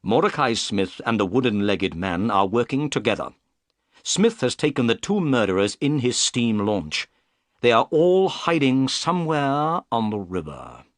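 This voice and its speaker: A man reading the part of a calm, polite detective in a storybook, speaking firmly and briskly. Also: medium pitch, no echo, clean studio sound. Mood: urgent. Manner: firm, clipped, quick delivery.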